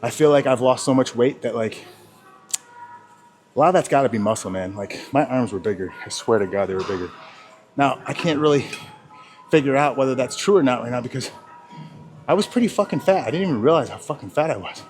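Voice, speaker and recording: A man's voice: medium pitch, lively intonation, fairly quick, pauses often, a little mellow. Breathless man rambling at the gym. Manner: rambling, profane, sidetracked. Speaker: fitness vlogger. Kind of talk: casual gym vlog talk. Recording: music playing clearly behind.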